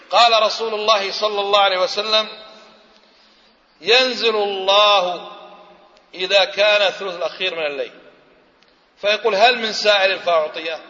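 A preacher lectures in a high, bright voice, pressing the audience with questions and answering them himself. The recording is muffled and carries the long reverb of a lecture hall. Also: male voice. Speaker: Islamic preacher. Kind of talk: religious lecture.

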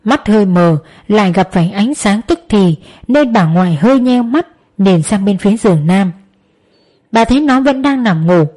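A woman reads a dramatic story aloud. Her delivery is emotive and tense, and she speaks at an everyday pitch. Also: lively intonation, moderate pace, mellow. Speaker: narrator.

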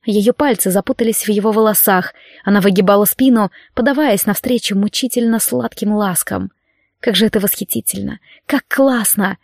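A woman narrating a romance audiobook in an even, steady reading voice. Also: medium pitch, moderate pace, vocal fry, dry recording, clean studio sound.

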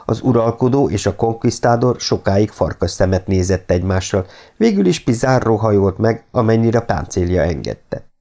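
A man narrating an audiobook in a steady, measured reading voice. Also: on the low side. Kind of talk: scripted narration.

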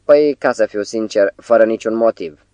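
A man's voice: lowish voice, dark tone, dry recording, highs cut off, pitched above the performer's own voice, close to an everyday voice. A man voicing a blunt young poet who sounds a little embarrassed.

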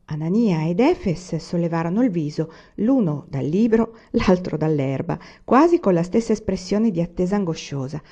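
A woman reading a literary novel aloud as an audiobook, measured and expressive. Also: fairly low pitch. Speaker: audiobook reader.

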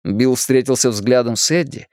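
A man narrating a novel aloud in an expressive, animated reading style. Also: medium pitch, normal speed, no echo. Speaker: audiobook reader. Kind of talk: scripted narration.

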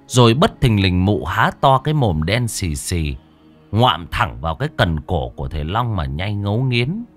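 A man's voice: fairly low pitch, sing-song, moderate pace, soft background music. A man narrating a horror story in a dramatic, suspenseful storytelling voice.

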